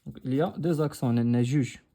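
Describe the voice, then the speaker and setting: A man's voice: mid-range voice, moderate pace, mellow, slight background noise. A young Moroccan man teaching a lesson in a patient way, repeating his phrases and switching between French and Arabic. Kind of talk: explaining a textbook lesson.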